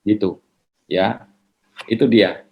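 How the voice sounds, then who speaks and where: A man answering questions in a relaxed, conversational teaching manner, mixing in English words. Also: lowish voice, takes it slowly, vocal fry, highs cut off. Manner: casual, mixes in English words.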